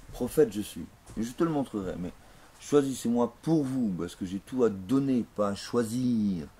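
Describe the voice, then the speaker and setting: Grandiose low-voiced man declaiming. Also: mellow, slightly rough. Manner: grandiose, declamatory, slow and emphatic. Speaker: interviewee. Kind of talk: theatrical mystical monologue.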